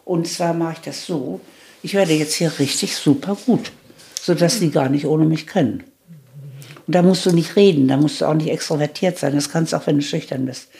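An older woman tells her own story in an interview. Her voice carries a steady gravelly rasp. She speaks candidly, restarting sentences, then pushes her points home with emphasis. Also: low voice, normal speed. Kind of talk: reflective life-story telling.

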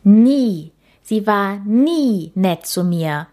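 A woman's voice: mid-range voice, big pitch swings, takes it slowly, dark tone, husky, exaggerated voice. A woman voicing a helpful, down-to-earth young woman who asks eager, surprised questions in a storybook reading.

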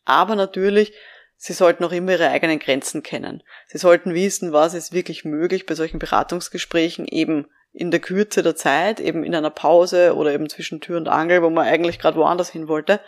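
Middle-aged woman trainer, lowish pitch, calm and advisory, explains in clear steps. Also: a little fast. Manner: calm, advisory, acts out example phrases. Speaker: prevention trainer. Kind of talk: instructive podcast talk.

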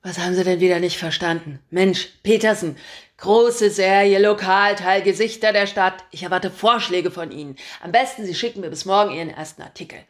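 Woman putting on a booming bossy chief editor. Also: fairly even intonation, fairly quick, natural voice. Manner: booming, laughing, pushy. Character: loud bossy male newspaper chief editor.

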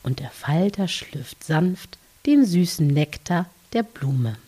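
Female narrator for children's guided relaxation: mellow, low-leaning, soft dreamy hush, soothing and unhurried. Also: animated. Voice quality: soft, breathy, hushed, at times near whisper. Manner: gentle, soothing, unhurried with long pauses.

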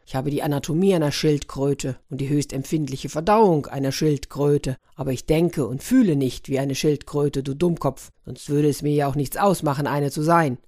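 A woman's voice: deep voice, moderate pace, hardly any pauses, dark tone. A woman voicing a grumpy, sarcastic man trapped in a turtle's body, in a storybook reading. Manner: irritable, sarcastic.

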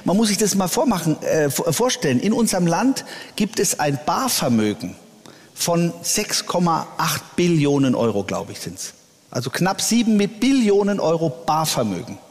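A man, a church leader, answering interview questions earnestly, often pausing with hesitations. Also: on the high side, big pitch swings. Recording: long reverb.

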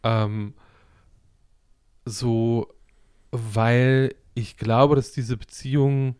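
A man's voice: mid-range voice, steady tone, very slow, a little mellow, clear, resonant tone, no echo, clean studio sound. A man hosting a casual podcast, thinking aloud hesitantly and often restarting his phrases as he reflects. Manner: hesitant, searching, repeats phrase openings. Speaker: podcast host.

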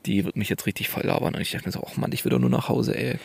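Young male podcaster, slangy storyteller, rough husky voice. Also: medium pitch, very fast, dry recording. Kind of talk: casual chat, storytelling.

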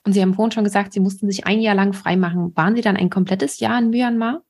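Brisk, breathy woman interviewer. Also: mid-range voice, steady tone, darkish tone. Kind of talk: interview questions.

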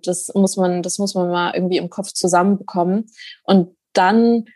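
A woman from Germany speaks as an interview guest, her voice low for a woman and held quite level. She is thoughtful and searches for her words as she goes. The recording is dry and close. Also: fairly even intonation, normal speed, mellow, no room sound. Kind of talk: casual conversational interview.

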